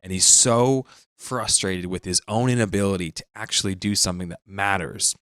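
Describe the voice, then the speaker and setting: A man's voice: deep voice, fairly even intonation, normal speed, a bit bright, clean tone, no room sound, studio quality. A man co-hosting a podcast, retelling scenes in an earnest, dramatic way. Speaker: podcast co-host. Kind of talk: casual chat recapping an anime episode.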